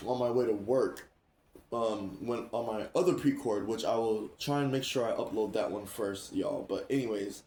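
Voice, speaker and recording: Casual host, male, lively storyteller who laughs often and acts out quotes, mid-pitched voice, roomy echoey room. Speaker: streamer and host. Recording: roomy echo.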